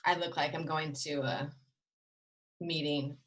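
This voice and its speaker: A woman's voice: deep voice, fairly even intonation, measured pace, a bit bright. Chatty woman on a video call. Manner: chatty and rambling, trails off mid-sentence. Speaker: host. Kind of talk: casual video call chat about fashion.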